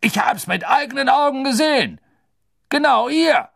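Angry executioner, voiced by a male reader, gruff, loud, raised pitch, audiobook. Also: lively intonation, normal speed, no room sound, clean studio sound, full character voice. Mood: furious.

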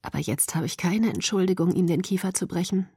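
Woman voicing a soft-spoken young vampire man. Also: a little fast, husky, dry recording, clean studio sound. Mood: gentle. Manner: soft, low and gentle. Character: calm tender young male vampire lover. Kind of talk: audiobook reading.

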